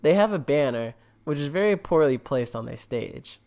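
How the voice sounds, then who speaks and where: A man's voice: a little high, expressive, moderate pace, a little mellow. A man co-hosting a podcast in casual chat, rambling with lots of fillers and jokes. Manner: rambling, filler-heavy, jokey. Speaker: podcast co-host.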